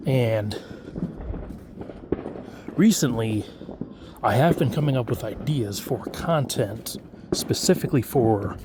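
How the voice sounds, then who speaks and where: A man's voice: medium pitch, slow, pauses often, background noise. A man vlogging outdoors at night, rambling casually with many fillers and hesitations. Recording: loud fireworks and firecrackers outdoors.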